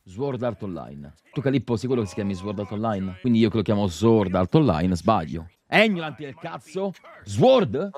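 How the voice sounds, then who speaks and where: An Italian man streaming and chatting with friends, mocking and teasing, swinging between low mutters and loud outbursts. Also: expressive, a little fast, few pauses. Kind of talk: casual streaming chat.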